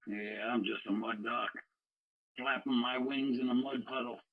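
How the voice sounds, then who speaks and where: A man's voice: medium pitch, steady tone, unhurried. A man chatting as a CB radio operator, calling out CQ in a folksy way, heard over a lo-fi shortwave radio transmission. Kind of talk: casual on-air radio chat. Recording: muffled radio link audio.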